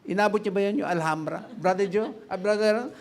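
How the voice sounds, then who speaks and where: A middle-aged Filipino pastor preaches a sermon in a chatty style, laughing often, quizzing the congregation, and slipping into English. His male voice sits high and moves a little fast.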